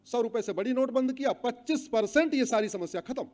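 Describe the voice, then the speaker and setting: A middle-aged man with a very high-pitched voice delivers a rousing public speech. He chants long lists of wrongs at full volume and urges the audience to shout the words back. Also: a little fast. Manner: rousing, chants long lists loudly and asks the crowd to repeat. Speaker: public speaker. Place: hall with an audience.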